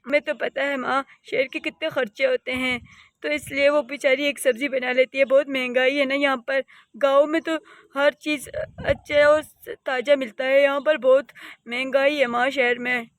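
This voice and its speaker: A woman's voice: high-pitched, flat delivery, normal speed, no echo, pitched below the performer's own voice, lightly acted. A woman voicing a grown son in a cartoon, who placates his mother and explains. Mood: explaining. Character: adult son caught between mother and wife.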